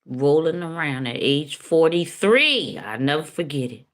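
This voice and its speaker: A middle-aged woman telling an emotional healing testimony straight to her listeners, preachy and impassioned, with sudden high, loud bursts. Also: very animated, measured pace. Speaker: speaker sharing a healing testimony. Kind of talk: emotional testimony addressed to the audience.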